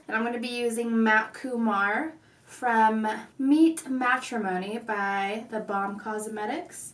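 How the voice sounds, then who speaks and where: A woman's voice: on the high side, a bit bright. A woman hosting a casual makeup tutorial, speaking with slightly odd, constrained articulation. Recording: echoey room, distant mic.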